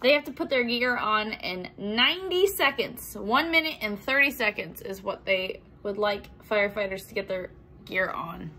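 In a mid-range voice at normal speed, a young adult woman reads a children's picture book expressively. She brings it to life by acting out sound effects and exclamations, explaining things in simple terms.

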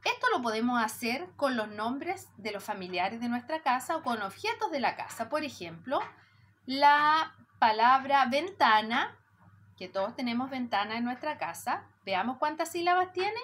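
A woman teaching preschoolers, patient and warm, stretching out syllables as she counts them. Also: sits high, lively intonation, normal speed. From Chile. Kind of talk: slow lesson for young children.

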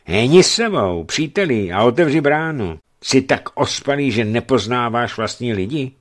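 A man's voice: medium pitch, animated, pitched above the performer's own voice, close to an everyday voice. A man doing a bold joking red-bearded merchant. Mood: bantering.

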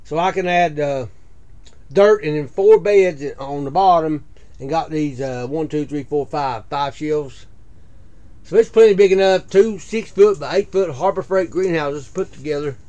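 A man's voice: on the high side, dark tone. Plain-spoken man touring his greenhouse. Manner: plain-spoken, lists items with frequent "uh" pauses. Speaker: video creator giving a greenhouse tour. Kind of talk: casual walkthrough vlog. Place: small greenhouse at night, indoors. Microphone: head-mounted action camera.

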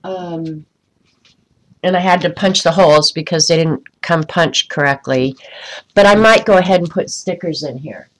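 Seated indoors at a craft desk, a woman chats casually with viewers on a live craft stream, rambling and dropping plenty of ums. Her voice is low, stuffy and congested, at a moderate pace, and the recording quality is poor.

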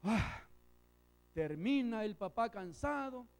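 A pastor from Mexico preaching a sermon, telling a story with emphatic swings between loud and soft. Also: male voice, sits high, lively intonation, slow pace, creaky, clear, resonant tone. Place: church hall.

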